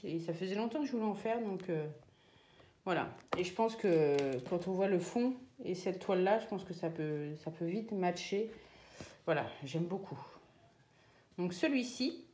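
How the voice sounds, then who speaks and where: A woman chatting casually as she shows off her craft purchases, pausing often with fillers. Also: mid-range voice, dark tone, roomy sound. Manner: chatty, hesitant with many fillers. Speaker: craft vlogger. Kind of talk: casual show-and-tell.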